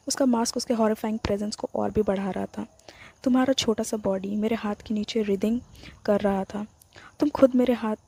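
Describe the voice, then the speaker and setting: A woman's voice: medium pitch, gravelly, dark tone, slightly rough, no echo. A woman retelling a novel aloud, reading the narration along with the characters' dialogue.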